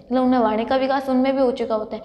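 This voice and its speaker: A woman's voice: high-pitched, steady tone, racing, mellow, big-room sound. A woman college lecturer giving a classroom lecture, explaining step by step and answering her own questions.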